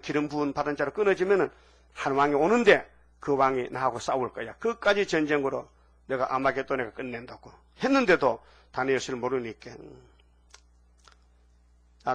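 A man preaching a sermon as a pastor, telling stories animatedly with sudden loud outbursts and asking the audience for agreement. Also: mid-range voice, a little fast. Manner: animated storytelling with sudden shouts.

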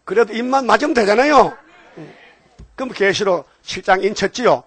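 A man's voice: sits high, animated, brisk, a bit bright, dry recording. An older man preaching a sermon in a folksy, teasing manner, often prodding his congregation for responses. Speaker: pastor.

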